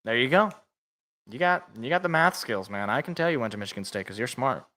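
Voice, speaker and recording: On a live football reaction stream, this co-host of a sports podcast, a man in his twenties, calls the plays and cracks self-deprecating jokes with his viewers. His medium-pitched voice is pushed and bright, with lively intonation and a slightly fast pace.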